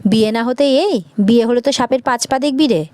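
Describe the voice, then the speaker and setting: Woman doing a scolding old grandmother, mocking tone, higher voice, dry sound. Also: fast talker, a little mellow, no room sound, natural voice. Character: elderly sharp-tongued grandmother, quick to anger.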